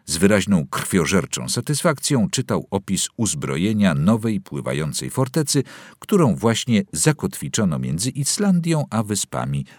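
A man narrating a novel aloud in a dramatic, expressive reading. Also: low-pitched, moderate pace, no echo, clean studio sound. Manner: dramatic, wide-ranging delivery. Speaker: audiobook narrator.

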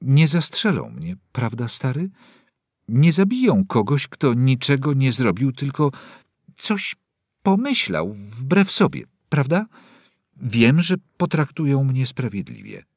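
A man voicing a frightened middle-aged prisoner who pleads loudly and sanctimoniously, close to tears. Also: medium pitch, big pitch swings, slow pace, no echo, pitched above the performer's own voice, full character voice. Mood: pleading. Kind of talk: audiobook character voice.

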